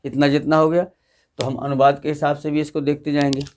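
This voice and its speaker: Male teacher with a slightly high voice, drilling grammar rules in class through call-and-response. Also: level tone, a little fast, slight background noise. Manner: asks students questions and repeats the answers.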